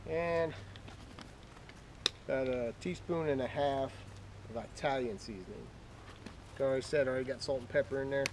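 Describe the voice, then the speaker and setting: A man's voice: medium pitch, fairly quick, long pauses. A man talking casually and plainly as a cooking show host, explaining each step of a recipe in an informal, folksy way. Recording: clearly noisy background with clicks.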